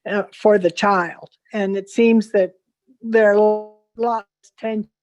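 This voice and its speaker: A woman's voice: medium pitch, fairly even intonation, a little mellow, no room sound, lo-fi sound. Woman on choppy, cutting-out call audio. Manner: halting, searching for words with many pauses and fillers. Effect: choppy video call audio that keeps cutting out. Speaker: panel guest. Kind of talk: online panel discussion. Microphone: video call.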